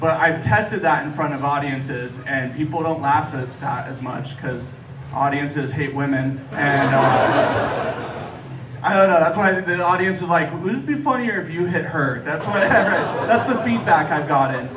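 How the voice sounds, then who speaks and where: A man performs stand-up in a casual, storytelling way, dropping in hesitant asides. His voice sits a little high for a man. He is picked up from some distance in a live room, with clear noise and audience laughter behind him. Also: unhurried, echoey room. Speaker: stand-up comedian. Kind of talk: stand-up comedy set to an audience.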